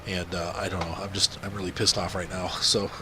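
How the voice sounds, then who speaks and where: Stuffed-nose man, low-pitched gaming commentary. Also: level tone, brisk, pushed and bright. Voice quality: congested, blocked nose, nasal stuffy sound. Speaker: gaming video host. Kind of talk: casual gameplay commentary.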